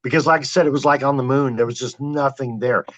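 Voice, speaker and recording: A man guesting on a podcast, telling his wildlife camera stories in an animated, excited way. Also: mid-range voice, quick pace, lo-fi sound. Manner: excited, animated retelling with quoted exclamations. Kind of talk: storytelling in a podcast interview.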